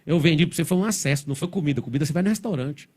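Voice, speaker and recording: Blunt, fast-talking male motivational speaker. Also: a little high, a little mellow. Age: adult, father of four. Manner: blunt, provocative, rapid-fire. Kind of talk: motivational stage talk to a live audience.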